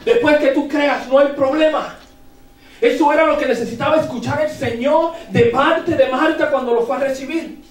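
High-voiced pastor preaching. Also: male voice, normal speed. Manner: animated preaching, rising to shouts, checks in with the congregation. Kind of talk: sermon. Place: church sanctuary. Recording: echoey church, voice from far off the mic.

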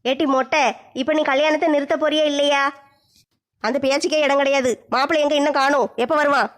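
A woman's voice: sits high, little pitch movement, brisk. A woman acting a village comedy sketch in a brash, mocking way. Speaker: comic sketch performer.

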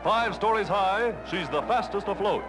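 A man narrating a 1940s newsreel in a brisk, emphatic announcing style. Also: high voice, poor audio. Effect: old newsreel. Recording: old 1940s newsreel soundtrack with loud music. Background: loud brass music.

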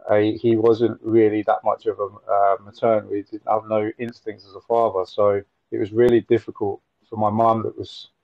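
Over a video call from a room at home with window blinds, a Nottingham man in his forties shares stories as a guest in a casual interview. His low-pitched voice barely moves in pitch, and his delivery falters with repeated words and lots of fillers; the call audio is muffled and dry, with no room sound.

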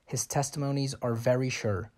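A man reading scripture in a church service, slow and measured, almost chanted. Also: medium pitch, steady tone, a little mellow. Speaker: church reader.

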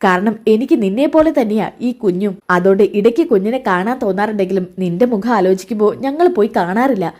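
A patient older father reasons gently and gravely, as a woman storyteller voices him. He speaks calmly but briskly. The voice stays only a touch lower than the teller's own. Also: lightly acted. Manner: calm, reasoning.

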